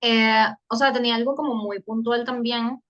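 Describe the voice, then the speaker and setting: A woman's voice: fairly high pitch, fairly even intonation, moderate pace, fairly bright tone, highs cut off. A woman co-presenting a workshop, hesitantly adding her own point. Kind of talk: workshop discussion.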